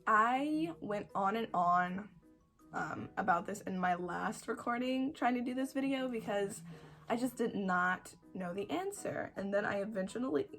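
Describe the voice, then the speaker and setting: A woman of twenty-one talks casually to her followers in a croaky voice at a middling pitch. She rambles in a self-deprecating way and leans on words for dramatic effect. Music plays underneath. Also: animated, unhurried, a bit bright. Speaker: video creator answering follower questions. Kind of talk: casual chat to camera.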